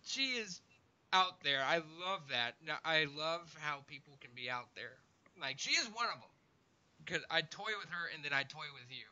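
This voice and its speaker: A man hosting a casual interview chat, recording from inside a small closet, animated and swearing freely as he laughs along. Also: a little high, normal speed. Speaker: YouTuber host. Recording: dry, muffled closet recording.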